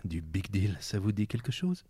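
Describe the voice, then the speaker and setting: A man as a pompous deadpan lieutenant. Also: fairly low pitch, normal speed, breathy edge, no echo, clean studio sound, full character voice. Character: self-important male police lieutenant. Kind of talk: improvised comedy podcast.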